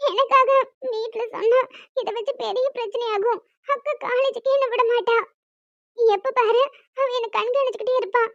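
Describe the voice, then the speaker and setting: In this cartoon, a naive and timid young college girl, played by a woman speaks in a very high, piping voice. She stammers and pleads her way through her lines. The recording is dry and dull, with a lo-fi sound. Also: a bit bright, dry recording. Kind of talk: animated story dialogue.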